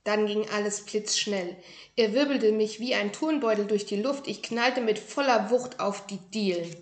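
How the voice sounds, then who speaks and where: A woman reading a children's book aloud in a calm, unhurried storytelling manner. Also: mid-range voice, reverberant. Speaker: reader presenting library books.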